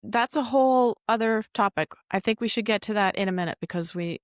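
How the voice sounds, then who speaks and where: A woman's voice: mid-range voice, fairly quick, no echo. Chatty woman podcast host, dry sound. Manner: curious, chatty, explains research in detail. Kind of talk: casual recap chat.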